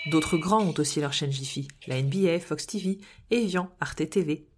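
A woman's voice: deep voice, normal speed, noisy background. A woman hosting a podcast, reading a scripted explainer with wry, playful asides. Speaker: podcast host.

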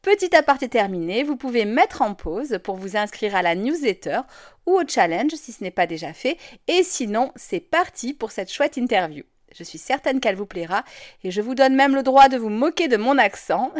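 A woman's voice: mid-range voice, expressive, normal speed. A woman hosting a podcast, introducing an episode and voicing her own translated lines in a chatty, friendly way. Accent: French. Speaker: podcast host.

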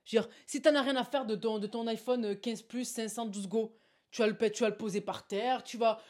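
A woman's voice: on the high side, steady tone, a little fast, darkish tone. A young woman giving a casual, emphatic motivational talk, addressing the listener directly with frequent asides. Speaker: motivational vlogger.

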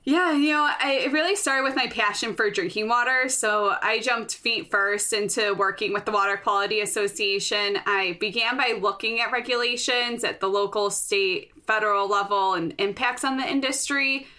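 A woman's voice: mid-range voice, moderate pace, few pauses, pushed and bright. A woman with a Chicago accent, a podcast guest, answering eagerly. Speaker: guest, association staff. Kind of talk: interview answers.

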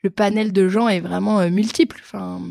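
A woman's voice: medium pitch, fairly even intonation, fairly quick, gravelly, a little mellow, no echo, clean studio sound. A woman, a fundraiser guest on a podcast, speaking casually with many fillers. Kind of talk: casual interview.

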